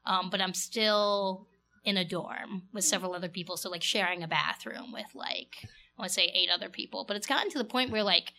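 A woman's voice: medium pitch, a little fast, pushed and bright, a little hiss or hum. A young woman from New Jersey guesting on a comedy podcast. She chats casually and sprinkles her talk with fillers. She laughs easily between her lines. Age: young adult. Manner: giggly, chatty, with filler words. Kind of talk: casual chat.

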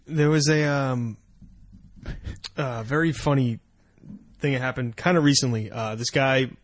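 A man in casual podcast chat, his voice sitting in an ordinary mid pitch. He rambles through stories with plenty of fillers and laughs. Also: a little slow, no echo.

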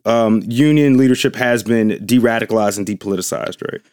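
A man hosts a loose panel discussion and talks fast. He hedges and circles his points, tossing in "right?" as he goes. His voice is close-miked and dry, with no room sound at all. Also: mid-range voice, darkish tone, clean tone, dry recording. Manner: rambling and hedging, filling pauses with "like" and "right?". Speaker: podcast host.

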